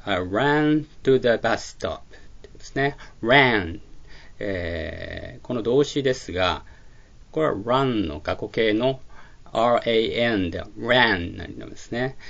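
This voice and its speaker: A man teaching a pronunciation lesson, speaking slowly and carefully, with frequent filler pauses. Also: lowish voice, animated, vocal fry. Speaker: English teacher. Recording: dull lo-fi recording.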